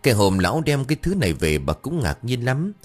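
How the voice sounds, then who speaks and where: A man narrating a ghost story audiobook with lively storytelling, voicing all the characters himself. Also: mid-range voice, fairly quick, husky, soft background music. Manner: animated storytelling, voices every character himself.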